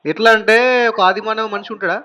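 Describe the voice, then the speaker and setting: A man's voice: high-pitched, fairly even intonation, quick pace, sharp tone. A man in debt arguing on a phone call with a recovery agent, mocking him and cutting in again and again. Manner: sarcastic, mocking, keeps cutting in. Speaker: customer with a credit card debt. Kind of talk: heated phone argument. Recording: muffled phone call recording.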